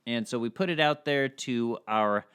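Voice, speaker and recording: A man's voice: medium pitch, normal speed, a bit bright, smooth. A man co-hosting a comedy podcast, chatting casually and jokingly, rambling with lots of fillers and restarts. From Scottish-Irish family heritage. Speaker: podcast co-host.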